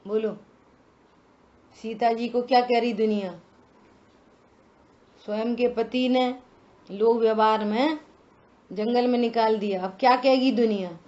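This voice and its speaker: A woman giving a religious scripture discourse, slow and deliberate, asking many rhetorical questions. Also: a little high, steady tone, a little mellow, dull audio. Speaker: scripture teacher.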